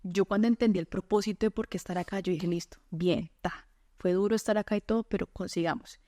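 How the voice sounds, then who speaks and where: A woman's voice: mid-range voice, steady tone, dark tone, no room sound. Colombian woman telling her faith story on a podcast, earnest, laughs easy, dry close mic. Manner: earnest storytelling, quick to laugh, quotes herself and God. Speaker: guest. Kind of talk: personal faith testimony in conversation.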